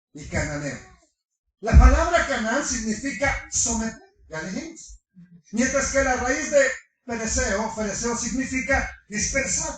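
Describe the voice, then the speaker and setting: A middle-aged man preaching a sermon to his congregation, animated, firing rhetorical questions and slipping in humorous asides. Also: high voice. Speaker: pastor. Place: large congregation hall. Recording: echoey hall from far off.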